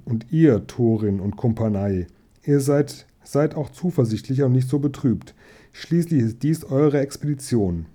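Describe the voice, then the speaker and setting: An old male wizard speaks in a storybook reading, stern and wise, warning in a slow, measured way. His voice is very dark and mellow, as a man reads him aloud. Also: mid-range voice, close to an everyday voice. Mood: urging. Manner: measured, admonishing.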